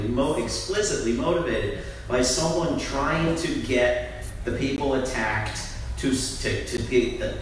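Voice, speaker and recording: A man giving an impassioned speech on a panel, often restarting his sentences. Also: mid-range voice. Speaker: panel speaker, antiwar group director. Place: large indoor event room. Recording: very echoey room, distant mic, faint background noise.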